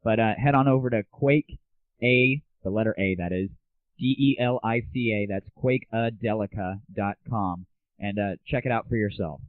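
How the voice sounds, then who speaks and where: A man with a lowish voice talks at a moderate pace in a dry recording. He's an American host of an online gaming news show, riffing solo on the news in a casual, slangy, opinionated and irreverent way. The audio is muffled and lo-fi, like it came through a phone.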